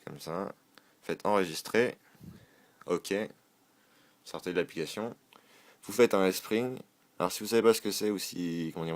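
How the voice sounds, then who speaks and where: A man with a very low voice talks through a phone tutorial in a loose, casual way. He hesitates often and corrects himself as he goes. He is recorded on a phone. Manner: informal, hesitant, many fillers and self-corrections. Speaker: tech tutorial host. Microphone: filmed on a phone.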